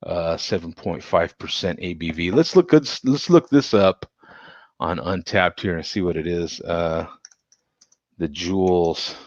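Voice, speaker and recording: A man with a deep, somewhat slow voice hosts a laid-back beer show, talking to viewers in the live-stream chat, rambling and laughing often. He's a bit tipsy from drinking. The recording is muffled but has no echo.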